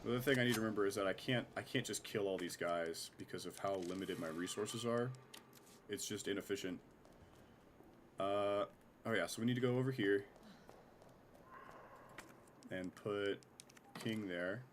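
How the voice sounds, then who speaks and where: A man's voice: on the low side, normal speed, pauses often. A man streaming a game with casual live commentary, chatty and self-mocking with some swearing, his voice nasal and his throat scratchy from a cold.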